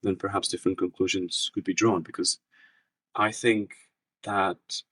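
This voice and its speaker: A young researcher from the Czech Republic speaks in a very low, slightly husky voice. He answers interview questions thoughtfully, circling back and restarting his sentences. The recording is dry and picks him up from some distance. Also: flat delivery, unhurried, a bit bright, no echo. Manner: thoughtful, many restarts and fillers. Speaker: researcher guest.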